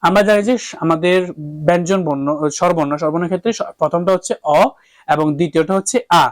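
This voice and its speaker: Speaking quickly in a high, steady voice, this man teaches a vocal lesson with a harmonium, captured in a dry recording. He breaks things down step by step, keeps checking in with "okay?", and sings long vowel exercises.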